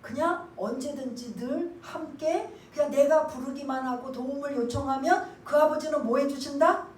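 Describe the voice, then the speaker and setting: A high-pitched woman preaching a sermon, picked up from some way off the mic. The church room rings with echo, and faint ambience sits underneath. She asks the congregation questions, then goes hushed to act out a prayer. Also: normal speed, far from the mic, slight background noise. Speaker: pastor. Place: church sanctuary.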